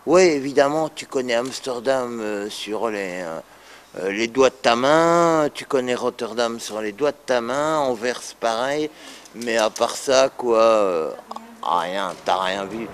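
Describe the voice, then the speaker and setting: A man's voice: medium pitch, slow pace, smooth. A middle-aged man speaking frankly and casually in an interview, with many hesitations. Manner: relaxed, frank, many fillers.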